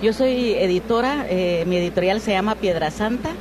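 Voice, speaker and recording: A woman's voice: medium pitch, moderate pace, a crowd in the background. A woman, a book editor and interview guest, explaining things in an enthusiastic, flowing way. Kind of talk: interview answers. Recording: noisy outdoor traffic background.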